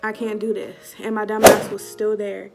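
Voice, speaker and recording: A young woman tells a casual storytime vlog in an animated, slangy way, acting out quotes, her medium-pitched voice showing vocal fry at a moderate pace. She's filmed by a webcam or phone held at arm's length in a small indoor room in front of a curtain, with loud music behind her voice.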